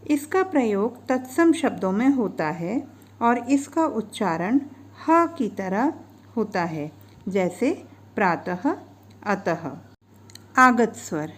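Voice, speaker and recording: A woman's voice: on the high side, big pitch swings, takes it slowly. A woman in her fifties narrating a scripted grammar lesson over slides, spelling out each sound and example with care. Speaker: teacher.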